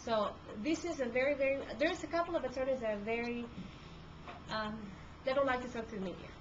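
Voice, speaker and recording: Recorded on a handheld camcorder with dull, lo-fi sound and audible room noise, this woman from Peru addresses a group in a chatty way, restarting often and using plenty of fillers. She works as a court reporter, speaks Spanish as her first language with a Peruvian accent, and her slightly fast voice is on the high side.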